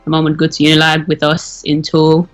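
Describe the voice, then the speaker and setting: A young Nigerian woman calls in anonymously to a casual interview, speaking fairly quickly in a low, monotone voice. She uses lots of fillers and corrects herself, and the poor audio carries faint music in the background.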